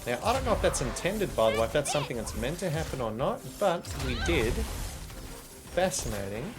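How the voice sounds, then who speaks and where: A man's voice: mid-range voice, sing-song, brisk, music in the background. Chatty Australian streamer guy. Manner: chatty, joking, laughs often, slang-heavy. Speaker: gaming streamer. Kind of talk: casual live-stream commentary.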